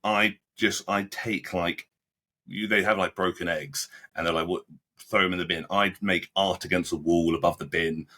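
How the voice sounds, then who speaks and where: A young man in his twenties, a podcast guest recounting events in casual interview talk, halting and blunt, often restarting his sentences. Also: deep voice, steady tone, bright, forceful tone. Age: 20s. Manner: halting, frequent restarts and repeated words; blunt, plain-spoken with British slang.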